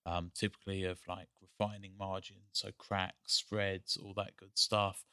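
A man with an English accent, a guest on a podcast, talking in a measured, articulate way with frequent pauses to think. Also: sits low, little pitch movement, sharp tone, smooth, no echo, clean studio sound. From England. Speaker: guest, energy company CEO. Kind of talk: casual podcast chat.

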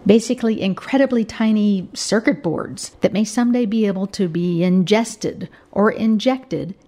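A woman's voice: medium pitch, normal speed, dark tone. A woman with an American accent reading scripted narration as a science radio host and reporter.

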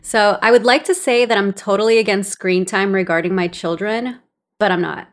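A woman's voice: mid-range voice, normal speed, soft background music. A woman from El Salvador co-hosting a podcast in casual chat, explaining things and laughing easily. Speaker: podcast co-host.

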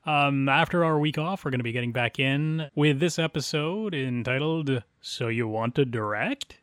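A man's voice: medium pitch, normal speed, fairly bright tone, smooth, no echo. A man co-hosting a podcast about community theater in casual chat, laughing often and restarting phrases. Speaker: podcast co-host.

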